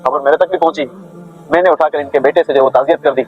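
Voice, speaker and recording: A man, a guest on a talk show, calmly drawing a lesson from a personal story. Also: on the high side, fast, lo-fi sound.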